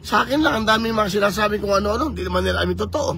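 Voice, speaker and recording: A man with a raised, rough-edged voice talks into a handheld phone from a moving vehicle. He shifts between languages in an animated, preachy manner. The road noise behind him stays faint. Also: high voice, racing. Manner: animated, code-switching, preachy. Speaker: vlogger campaigning for office. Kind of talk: live vlog chat.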